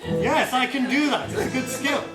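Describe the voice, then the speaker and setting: A man's voice: extremely high pitch, moderate pace, echoey room, loud music behind the voice, rough recording. A man improvising a pompous, devious adventurer with a grandiose, theatrical manner, live on stage. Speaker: improv comedian.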